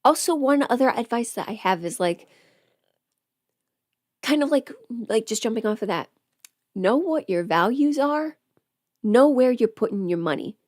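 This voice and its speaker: Her medium-pitched voice has a darkish tone, recorded at studio quality with no room sound at all. A young woman, she talks casually as a livestream host, chatty and informal, regularly posing rhetorical questions to listeners.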